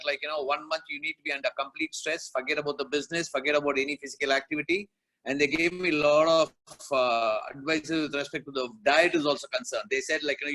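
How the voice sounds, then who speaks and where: Fast, bright Indian English man. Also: on the high side, rough recording. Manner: earnest, repeats "like, you know". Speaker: product testimonial speaker. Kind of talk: personal testimony.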